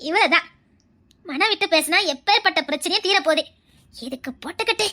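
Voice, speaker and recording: Woman doing a bossy auntie, tirunelveli accent, fast, bright, high. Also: lively intonation, full character voice. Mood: satisfied. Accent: Tirunelveli Tamil. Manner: brisk, commanding. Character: bossy older woman of the family, matchmaking.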